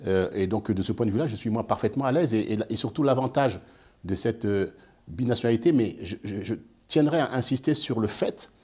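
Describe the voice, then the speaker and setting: A man with a husky, somewhat low voice, speaking as an interview guest. He talks in a measured way, pausing on fillers and repeating words before he goes on. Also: darkish tone. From France. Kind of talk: measured discussion.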